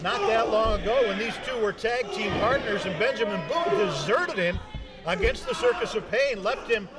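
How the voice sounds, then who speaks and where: A man giving excited play-by-play commentary at a live wrestling match. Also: high voice, normal speed, over loud music. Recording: loud crowd all around.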